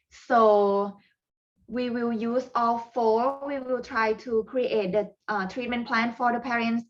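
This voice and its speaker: A native Thai speaker with a Thai accent presents parent coaching strategies in a webinar, her voice on the high side. She pauses often, using fillers and non-native phrasing, and the recording sounds muffled.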